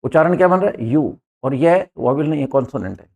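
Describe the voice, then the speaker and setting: A man's voice: on the high side, expressive, a little fast, vocal fry, darkish tone. A man teaching English grammar, explaining step by step, repeating each point and addressing viewers as friends. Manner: points at words on a board as he explains. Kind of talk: explanatory lesson.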